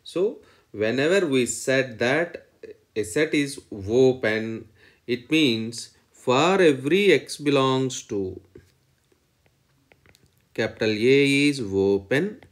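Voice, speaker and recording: Guy teaching math, dictating slowly bit by bit, says each phrase again, medium pitch. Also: animated. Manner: dictating in short phrases, repeating each one. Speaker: mathematics lecturer. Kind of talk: lecture, dictating definitions as he writes.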